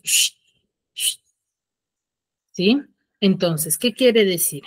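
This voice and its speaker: A woman teacher giving an online class, often stopping to check that students follow and slowing down to stress key rules. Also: medium pitch, dry recording. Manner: checks understanding with frequent "ya?" and "sí?".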